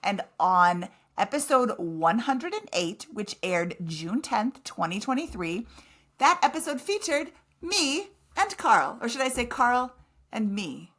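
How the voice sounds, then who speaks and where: A woman's voice: on the high side, very animated, a little slow, fairly bright tone. Woman podcast co-host, casual chat, chatty and self-mocking.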